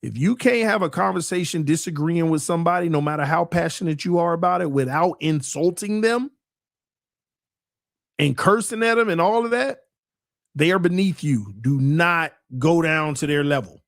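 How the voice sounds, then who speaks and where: With a fairly high, creaky voice at normal speed, this earnest 40-something sports podcast host gives a casual, preachy monologue. He repeats points and works up to emphatic preaching. Studio-quality audio, no echo.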